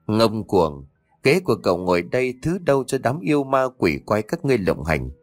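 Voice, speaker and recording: A stern male exorcist master barks and scolds in a low, forceful tone, as a man reads him out. The lines rise and fall with lively emphasis, over faint music in a dry, close recording. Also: brisk, dry recording. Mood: stern, scolding.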